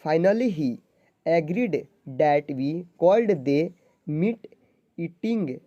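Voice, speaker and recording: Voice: mid-range voice, dark tone, no echo, highs cut off. An online English teacher who spells words out letter by letter, keeps asking and answering their own questions, and often checks in with "okay, friends". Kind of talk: slow spelling-out lesson.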